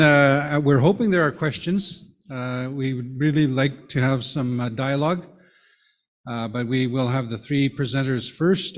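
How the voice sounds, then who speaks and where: Mid-pitched man moderating a session. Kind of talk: informal event moderating.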